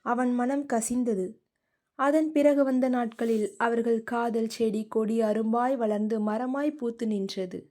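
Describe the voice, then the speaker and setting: A woman narrating a romance novel in a steady, expressive reading. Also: on the high side, a little slow. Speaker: audiobook narrator.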